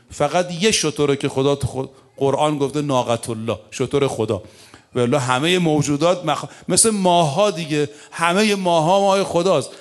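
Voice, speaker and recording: Man preaching a storytelling sermon. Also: fairly high pitch. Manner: recites Arabic verses slowly, then tells stories in fast colloquial Persian.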